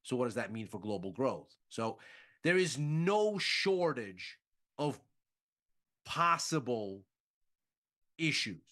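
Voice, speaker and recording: Male analyst, unhurried and methodical, explains market expectations step by step. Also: mid-range voice, big pitch swings, fairly bright tone. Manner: measured, methodical, rhetorical questions.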